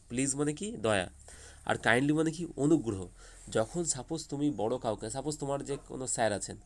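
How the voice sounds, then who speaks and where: Male English tutor for kids, mid-pitch, explains step by step, keeps checking understanding. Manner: repeats checks like "ঠিক আছে?", asks and answers his own questions. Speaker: English teacher. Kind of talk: explanatory lesson to children.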